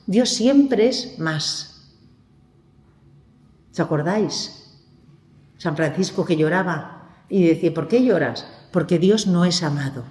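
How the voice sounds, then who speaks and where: A woman from lectures on spirituality with a very lively, swooping pitch, often doubling words and asking her listeners questions. Her voice rings through a large, echoey lecture hall with a long reverb tail. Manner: animated, repeats words, asks listeners questions. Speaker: speaker at a theology week for lay people.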